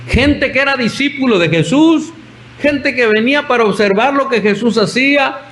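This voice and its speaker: A man's voice: very high-pitched, normal speed, fairly bright tone, poor audio. A male pastor preaching a sermon, telling the story and acting out the voices in his quotes.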